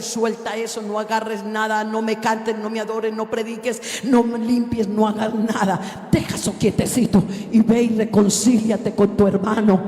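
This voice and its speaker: A woman's voice: a little high, darkish tone. A woman preacher delivering a fervent sermon, speaking straight to her congregation and drawing out key words for emphasis. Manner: fervent, addresses the congregation directly. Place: church hall. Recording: echoey hall with long reverb.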